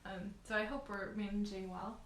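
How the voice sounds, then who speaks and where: A woman co-hosting an educational session for children in casual chat, haltingly thinking aloud. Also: medium pitch, level tone. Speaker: co-host of a children's question session. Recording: echoey room, background noise.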